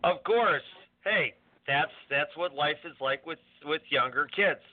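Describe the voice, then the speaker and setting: A man's voice: fairly high pitch, measured pace. A man hosting a casual live radio show, meandering and repeating himself as he talks. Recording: tinny phone-like narrowband audio.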